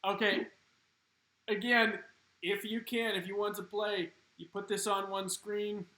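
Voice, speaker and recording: A man hosts an online trivia game, reading each question with playful, upbeat emphasis. His voice sits high and sounds bright and forceful. The room gives it a noticeable echo. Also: little pitch movement, unhurried. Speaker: trivia host. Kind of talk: hosting a live-streamed trivia game.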